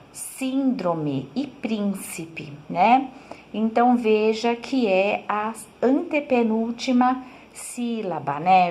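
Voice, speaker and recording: A woman teacher, patiently explaining a school lesson to her pupils and checking in with them often. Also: mid-range voice. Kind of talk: recorded remote class lesson. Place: home room, writing on board.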